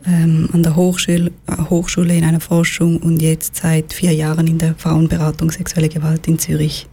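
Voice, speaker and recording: A young woman from Switzerland talks as a radio guest, explaining things calmly and clearly. Her voice sits low and warm, with a slightly husky edge. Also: moderate pace. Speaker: social worker and victim support counselor. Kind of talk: radio talk show guest.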